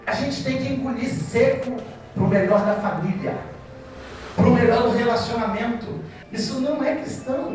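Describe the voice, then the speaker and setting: A Brazilian pastor preaching to couples in an animated way, trading lines with his audience. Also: very high voice. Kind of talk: sermon to couples. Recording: very echoey hall, mic from far off.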